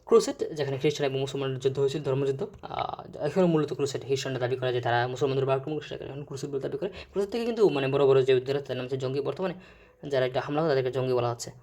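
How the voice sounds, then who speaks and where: A man's voice: medium pitch, darkish tone. Man explaining vocabulary with many fillers. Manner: explains words slowly, with many fillers and self-corrections. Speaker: vocabulary teacher. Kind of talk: casual explanatory lesson.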